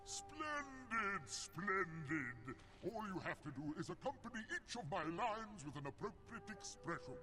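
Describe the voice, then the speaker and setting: An actor playing a pompous talking demon door that fancies itself a great tragedian, with a florid, booming stage delivery, in a video game. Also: male voice, sing-song, measured pace, hardly any pauses, music in the background. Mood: grandiloquent. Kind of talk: video game character dialogue.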